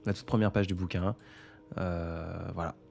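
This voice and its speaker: Brief: male streamer-poet, low warm tone, musing and hesitant, faint music underneath. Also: fairly even intonation, vocal fry. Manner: reflective, unhurried, with frequent hesitations. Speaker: poet and author on a live stream. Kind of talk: casual live-stream chat. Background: faint background music.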